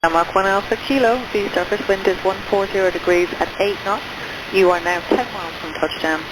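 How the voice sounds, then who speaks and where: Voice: medium pitch, fairly quick. An air traffic controller giving clipped, procedural instructions over the radio. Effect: radio transmission.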